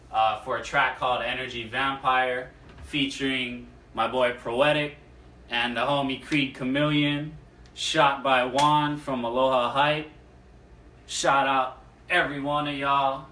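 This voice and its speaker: A man's voice: mid-range voice, bright, forceful tone. A man hosting a casual hip-hop chat show, talking in laid-back slang. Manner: laid-back slang, slow delivery, laughs often. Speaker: show host. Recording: roomy far-off mic with faint noise.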